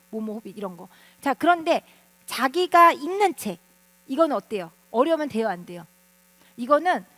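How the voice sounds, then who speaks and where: Woman teacher at a parents' seminar, high voice, animated, quizzes the room, dry close sound. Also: no echo. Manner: animated, asks the audience questions. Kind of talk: lecture to parents.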